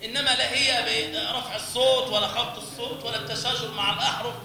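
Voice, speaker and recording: Egyptian male teacher giving a lesson, high-pitched, very roomy hall with a crowd behind. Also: level tone, fast, creaky. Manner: demonstrates chanting, quizzes students. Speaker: religious teacher. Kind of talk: lecture on recitation. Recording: echoey hall with audience.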